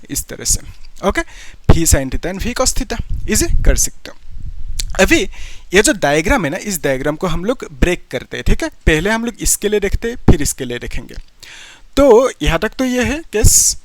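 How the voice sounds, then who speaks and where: A man's voice: high voice, no echo. A young man teaching a physics lesson step by step, often putting questions to students and checking they follow. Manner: explains step by step, keeps asking students questions and checking with "ठीक है".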